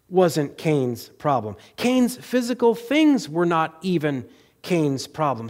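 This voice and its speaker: Emphatic male preacher with a lively voice. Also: a little high. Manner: emphatic, with pauses and rhetorical questions. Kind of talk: sermon.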